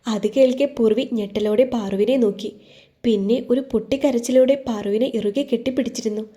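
Mellow woman narrating a story. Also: on the high side, fairly even intonation, fairly quick. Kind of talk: scripted narration.

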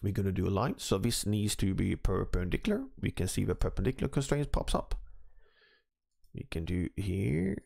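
A man with a gravelly, slightly rough morning voice walks through a screen-recorded design tutorial. He explains each step in a relaxed, matter-of-fact way, with mouse clicks behind him. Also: on the low side. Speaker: CAD instructor.

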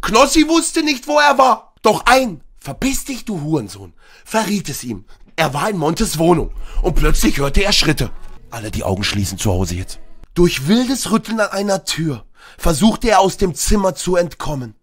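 Loud, bright-voiced streamer man. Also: high-pitched, sing-song, normal speed. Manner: loud, boisterous, bursts into shouts. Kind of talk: reading a story aloud, then casual chat.

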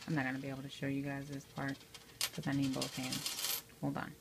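A woman with a low, gravelly voice makes an amateur how-to video, speaking briskly with a completely flat delivery. Her tutorial is informal, and she checks in often with "okay" while at the stove in her home kitchen. It's recorded on a handheld phone behind the camera, noisy and with clicks.

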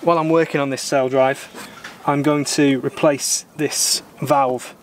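A man in his thirties talks through a boat repair in a calm, methodical way, now and then blunt in his opinions. His pitch stays level and even. The outdoor camera mic picks up a faint background hum. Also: measured pace. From Britain. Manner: calm, methodical, plain-spoken, mildly opinionated. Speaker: sailor doing boat repairs. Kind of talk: explaining repair steps while working. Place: outdoors in a garden workshop.

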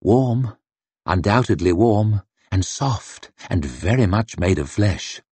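A man narrating a fantasy novel in a measured, expressive storytelling manner. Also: sits low, breathy edge, no echo. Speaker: audiobook narrator. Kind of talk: scripted narration.

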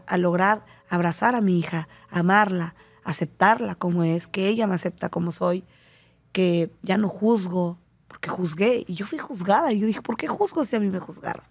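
A middle-aged woman with a Mexican accent, talking as a guest on a talk show and telling personal stories with lively, acted-out quotes. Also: medium pitch. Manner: animated storytelling, acting out quoted voices. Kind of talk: casual talk show conversation.

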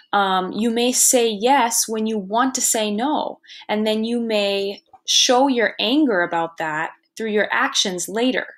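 A woman teacher giving a recorded lesson, explaining patiently and checking understanding with "right?", now and then acting out short quotes in a higher voice.

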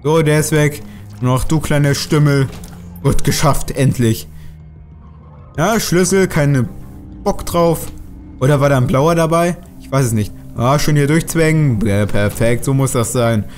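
A man narrating his own game run in a slightly higher voice, talking steadily and grumbling at the enemies on screen. Faint game music plays behind his commentary. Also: unhurried, darkish tone. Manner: chatty, grumbling and swearing at enemies. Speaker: let's play host. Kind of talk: gaming commentary.

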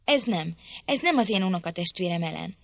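A woman's voice: lowish voice, expressive, gravelly, dry recording. A woman reading an audiobook, voicing a spoiled, imperious young girl who talks down to others. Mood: distraught. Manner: imperious, petulant.

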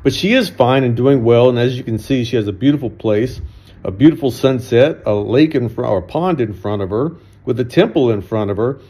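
This middle-aged travel vlogger has a medium-pitched, warm voice that is animated and fairly quick. Filming at arm's length with a handheld camera in a village and a shopping mall, he chats casually, rambles, laughs often, and keeps restarting.

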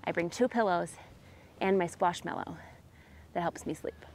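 A woman in her thirties performing a comic camping sketch outdoors with a lapel mic, chatty and dramatic, swinging from hushed asides to excited bursts. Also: lowish voice, moderate pace. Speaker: comedy sketch host. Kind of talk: comedic sketch monologue to camera. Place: forest campsite outdoors.

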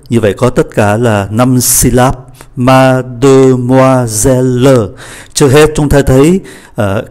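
A man teaching French pronunciation, slowly modeling each phrase and then explaining it. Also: mid-range voice, a little mellow. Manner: slow, deliberate model readings of French phrases between quick explanations. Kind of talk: pronunciation lesson.

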